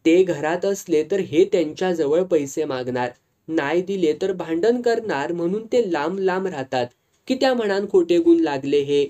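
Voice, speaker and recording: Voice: medium pitch, lively intonation, moderate pace, dark tone, natural voice. A narrator voicing a sad young wife who speaks in a weary, subdued way.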